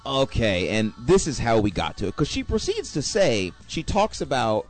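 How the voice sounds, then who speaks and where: A young man telling a rambling, animated anecdote, correcting himself as he goes. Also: medium pitch, normal speed, faint music behind. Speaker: storyteller. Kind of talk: casual anecdote.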